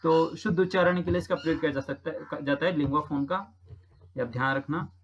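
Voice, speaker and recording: Talking a little fast in a fairly high voice, this Rajasthani teacher patiently goes over practice exam questions. He repeats every answer and checks in frequently, and there is a little hiss or hum in the audio.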